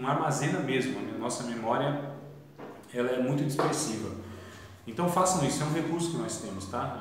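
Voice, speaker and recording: A man with a Brazilian Portuguese accent teaching a theology class in a conversational way, asking his students questions with gentle irony. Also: medium pitch. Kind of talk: classroom lecture. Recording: echoey classroom, faint background noise.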